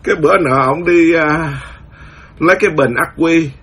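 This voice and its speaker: A Buddhist monk giving a lively storytelling sermon, acting out the voices of the people in his story. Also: a little high, normal speed, breathy edge. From Vietnam. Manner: animated, acts out quoted voices, laughs at his own story. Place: lives in the US, speaking to followers.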